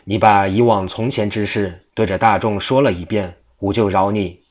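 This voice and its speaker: A man's voice: lowish voice, fairly even intonation, moderate pace, close to an everyday voice. A man reading the lines of an eccentric, mocking monk who questions sternly.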